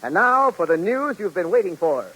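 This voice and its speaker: High, lively old-time radio announcer, man. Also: normal speed, low-quality recording. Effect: old radio show broadcast. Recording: vintage radio broadcast with faint music.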